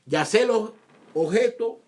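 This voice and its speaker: Lively high-voiced male Bible teacher. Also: takes it slowly. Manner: repeats words, asks rhetorical questions. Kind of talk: scripture reading with commentary.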